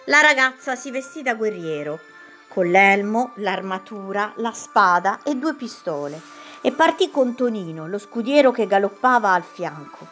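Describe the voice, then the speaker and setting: A woman reads a fairy tale aloud, expressive and full of dramatic pauses. Her voice is animated and varied in pitch, sitting in a middle register, with soft music faint in the background. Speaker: storyteller.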